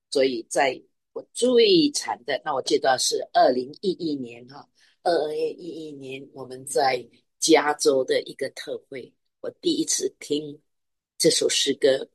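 A woman's voice: extremely low pitch, slightly rough, no echo. A middle-aged woman preaching a sermon, stressing her points by repeating phrases.

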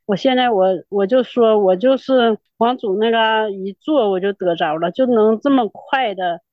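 A woman's voice: fairly high pitch, normal speed, no room sound. A middle-aged woman with a Northeastern Mandarin accent gives an earnest, tearful personal church testimony, repeating herself as she tells it. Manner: earnest, tearful, repetitive storytelling. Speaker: church member giving testimony. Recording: dull lo-fi dry recording.

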